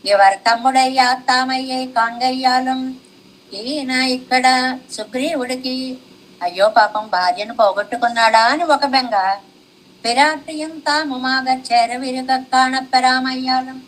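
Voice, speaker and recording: A woman's voice: sits high, steady tone, slow, fairly bright tone, low-quality recording. A woman giving a devotional discourse on scripture commentary, reciting classical verses and then explaining them with rhetorical questions. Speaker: religious teacher.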